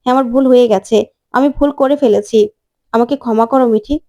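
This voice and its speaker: Woman doing a sorry young doctor guy, begging, apologetic, mellow tone. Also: fairly high pitch, quick pace, dull audio, lightly acted. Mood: pleading. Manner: pleading, apologetic. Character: remorseful young male doctor begging forgiveness.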